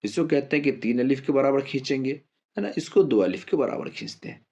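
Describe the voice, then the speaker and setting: A patient man teaches a step-by-step reading lesson. His voice is mellow and a little dark, and he slows right down to spell out each syllable and stretch the long vowels. The recording sounds dull and lo-fi. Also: mid-range voice, animated. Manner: patient, repeats syllables slowly and drawn out. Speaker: Quran recitation teacher.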